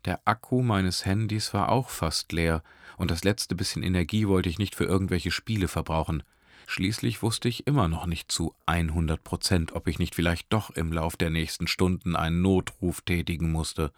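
Deep-voiced man reading a story. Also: moderate pace, no room sound, clean studio sound. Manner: even, storytelling. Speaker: narrator. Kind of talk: first-person audiobook narration.

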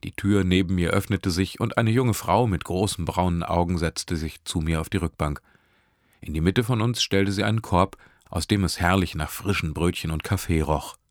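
A man narrating a first-person story in an even, storytelling way. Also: low-pitched, moderate pace, no echo, clean studio sound.

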